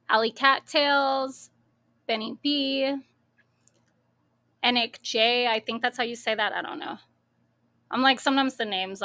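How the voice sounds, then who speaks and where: A young woman with a high, bright voice chats casually on her live stream. She takes her time, greets viewers one by one and laughs easily.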